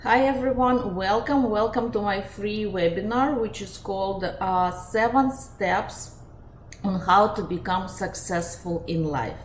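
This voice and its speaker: Hosting a live webinar, this life coach with a Russian accent talks in a mid-range voice, a little slow, earnest and steady, with lots of filler words. Her audio carries echo from the room and some faint ambient sound.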